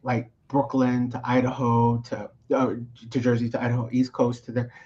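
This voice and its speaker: Muffled audio captures this medium-pitched man speaking at normal speed: a Mexican-born, Texas-raised coach who is a podcast guest. He's animated in the relaxed interview and keeps adding tag questions like "right?"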